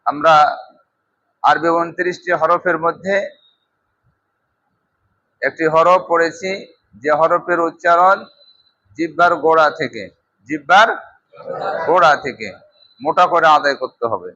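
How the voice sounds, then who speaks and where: A man teaching a Quran class, slowly drilling students on pronunciation with questions they answer back. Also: a little high, bright, forceful tone. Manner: slow, drilling pronunciation with call-and-response questions. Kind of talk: classroom recitation lesson. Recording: dull lo-fi class recording with crowd noise.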